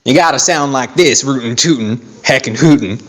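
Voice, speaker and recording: A man putting on an exaggerated American Southern cowboy voice as a joke, hammy and high. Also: normal speed, fairly bright tone, natural voice. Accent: put-on American Southern. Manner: jokey exaggerated drawl.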